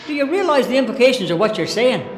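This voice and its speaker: An actor playing a weary, gruffly sardonic Victorian police inspector, blunt and colloquial in film dialogue. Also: male voice, very high-pitched, very animated, quick pace. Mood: alarmed, stern. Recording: reverberant hall sound with faint music.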